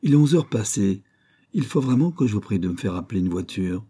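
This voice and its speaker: Cool snooty young society girl, man reading her, dark mellow tone, slightly husky. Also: on the low side, animated, a little fast. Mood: cool disdain. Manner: crisp, disdainful and impatient. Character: proud young society woman, cool and haughty.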